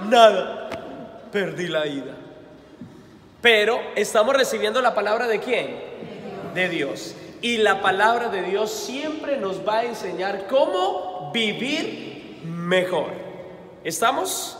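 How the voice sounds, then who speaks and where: During mass in a church, a high-pitched Colombian-accented priest delivers his homily with liveliness, repeatedly posing questions to the congregation and answering them himself while sharing personal stories. The echoey hall carries faint background noise.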